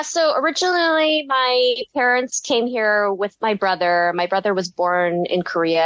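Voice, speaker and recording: An American ceramicist in her thirties tells her story as a guest in a casual interview, rambling with plenty of fillers and giggling often. Her voice is fairly low, and the recording sounds dry and muffled.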